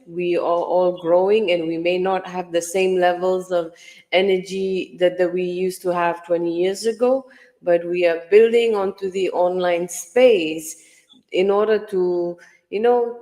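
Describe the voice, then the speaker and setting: A woman's voice: fairly low pitch, a little mellow, in a large hall. A woman in her early forties from Fiji, talking earnestly about her own life as an online mentor on a livestream panel. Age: early 40s. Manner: earnest, personal storytelling.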